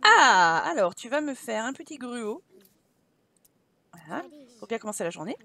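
A woman's voice: on the high side, big pitch swings, normal speed, vocal fry, bright, forceful tone. A woman hosting a gaming video, chatting playfully and reading in-game dialogue aloud from a close microphone. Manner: chatty and playful, reacting with laughs and asides. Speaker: gaming channel host.

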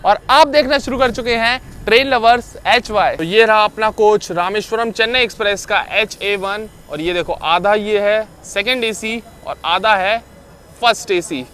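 A young man chatting excitedly to a phone camera at arm's length while riding a moving train, with music playing underneath. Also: high-pitched, a little hiss or hum. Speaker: train travel vlogger. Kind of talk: casual travel vlog.

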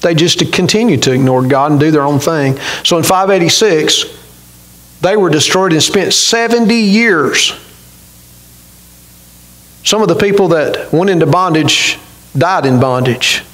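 Earnest middle-aged preacher at a pulpit. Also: male voice, a little high, unhurried, pauses often, fairly bright tone, rough recording. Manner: earnest, addresses congregation directly with questions. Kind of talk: sermon. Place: church sanctuary, indoors, at a pulpit.

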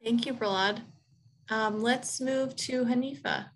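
A woman in her thirties, a program coordinator, moderates a panel over a video call and introduces the speakers in an organized way with frequent um's. Her voice sits on the high side and she speaks a little slowly. She's on earphones with a mic, and the rough recording carries a slight hiss or hum.

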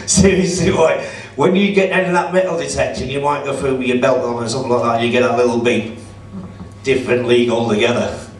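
A man's voice: mid-range voice, fairly even intonation, normal speed, pauses often. A middle-aged man doing a stand-up comedy set in a club, chatty and sarcastic as he teases the crowd. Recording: roomy audio from a distance.

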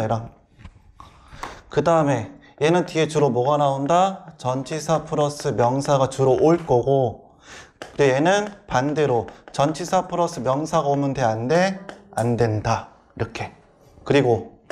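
A middle-aged male English instructor giving a classroom grammar lecture, firing quick questions at students and answering them himself. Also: a little high, darkish tone.

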